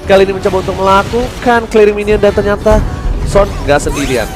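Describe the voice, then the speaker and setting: A man doing excited esports commentary like a fighting game announcer, making hyped calls and mixing in English phrases. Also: high voice, fast, music in the background. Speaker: esports shoutcaster.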